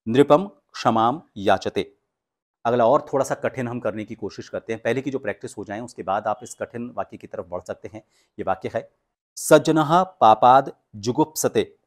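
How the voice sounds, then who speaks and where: A man giving a pronunciation lesson, explaining patiently and reading practice sentences slowly and with emphasis. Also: fairly low pitch, fairly even intonation. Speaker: speech coach.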